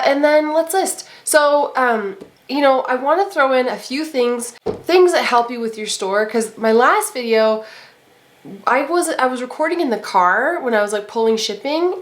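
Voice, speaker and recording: A woman, possibly in her thirties, chatting casually to camera with a congested, nasal voice from a cold, rambling with lots of fillers. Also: on the high side. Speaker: vlogger and eBay reseller.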